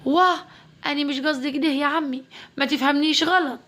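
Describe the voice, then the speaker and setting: A woman's voice: high-pitched, fairly even intonation, quick pace, fairly bright tone, voice pushed up. Woman playing a spiteful mother. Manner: biting, resentful remarks. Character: spiteful middle-aged mother, sharp-tongued.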